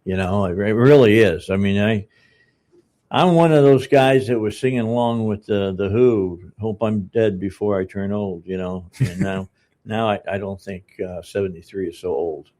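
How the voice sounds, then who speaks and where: An older man in his seventies hosts a casual radio talk show from the studio. His voice sits a bit low, and he rambles along, stopping and restarting his sentences and chuckling between thoughts. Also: darkish tone. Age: 70s. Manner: rambling, halting, many uh's and restarts, chuckles often.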